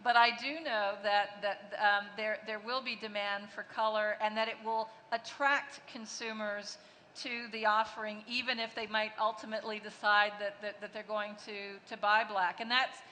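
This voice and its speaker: A woman's voice: medium pitch, little pitch movement, moderate pace, pushed and bright. A woman executive answering questions on a conference panel, fluent but restarting her phrases often. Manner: fluent, with frequent restarts and fillers. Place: large conference hall. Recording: long hall reverb, faint noise.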